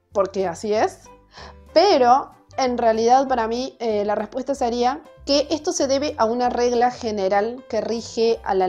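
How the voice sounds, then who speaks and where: Brief: young Argentine woman, fairly high voice, patient teacher, soft music underneath. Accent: Argentine Spanish. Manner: patient, explanatory, asks and answers her own questions. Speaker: teacher explaining Spanish accent rules. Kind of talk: casual spoken lesson.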